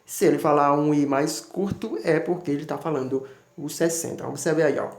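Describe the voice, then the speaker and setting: Male teacher, fairly high voice, patient, spells things out, recorded in a roomy echo. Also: normal speed. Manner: patient, repeats "né?" often, spells words out letter by letter. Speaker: English teacher. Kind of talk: explaining English numbers to students. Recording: echoey room.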